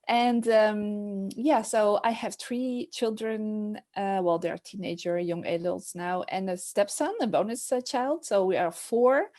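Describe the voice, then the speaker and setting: Being interviewed casually, a maternity nurse from France speaks with a French accent in a medium-pitched, darkish voice. She is middle-aged, and her speech is hesitant, peppered with fillers and frequent restarts.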